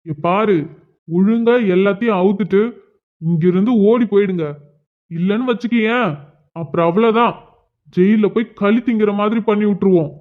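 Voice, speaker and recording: A man voicing a hot-tempered father in a cartoon who is tied up and shouts threats at his captors. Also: high voice, moderate pace, pauses often, close to an everyday voice. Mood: defiant. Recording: tinny phone-like sound.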